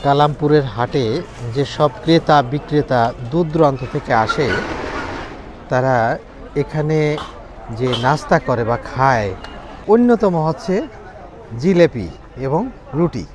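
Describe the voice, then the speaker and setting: High-voiced man presenting from a market. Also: expressive, unhurried, long pauses, noisy background. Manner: repeats answers back as questions. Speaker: vlog host and roving interviewer. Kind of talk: on-location presenting with casual questioning. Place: outdoors at a busy village market.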